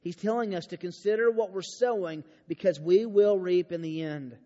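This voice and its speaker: A man preaching a sermon at a youth camp, animated and storytelling, moving from hushed to emphatic. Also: high voice, moderate pace. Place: large church auditorium. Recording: dull sound with long hall reverb.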